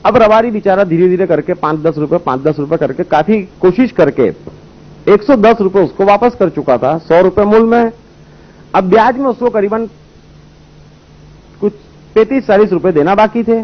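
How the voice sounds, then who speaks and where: A man with a high voice gives a spiritual talk, explaining his points through folk stories and rhetorical questions. The sound is dull and lo-fi, like an old recording. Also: moderate pace, pauses often. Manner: storytelling, rhetorical questions, voices characters in anecdotes. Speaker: spiritual speaker. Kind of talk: spiritual discourse with parables.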